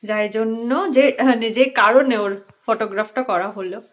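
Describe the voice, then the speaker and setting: Homely high-voiced woman vlogging. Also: normal speed. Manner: soft, homely, talks straight to viewers. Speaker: vlogger, mother of a small boy. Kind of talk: casual home vlog chat.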